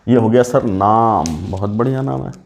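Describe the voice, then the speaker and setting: A man's voice: mid-range voice, normal speed, gravelly. Male chemistry teacher, mid-range voice, encouraging lecture style that asks and answers its own questions. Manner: coaxing, asks questions and answers them himself; praises students warmly as he goes. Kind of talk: classroom lecture.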